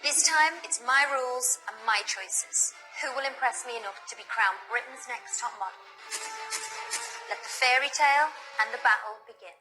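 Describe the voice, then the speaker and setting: A woman's voice: on the high side, normal speed, rough recording. A woman hosting and judging a modelling contest, narrating in a bold, commanding scripted manner. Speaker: host and head judge. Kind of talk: scripted reality-show narration. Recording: music bed behind.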